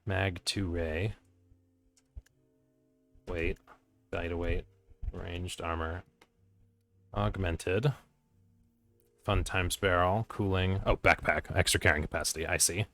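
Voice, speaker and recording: A man with a very low voice, recorded close and dry, gives casual commentary while playing a video game. He mutters to himself in short fragments and reads bits of screen text aloud. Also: fairly even intonation, slow pace, pauses often, bright, forceful tone, no echo, faint music behind.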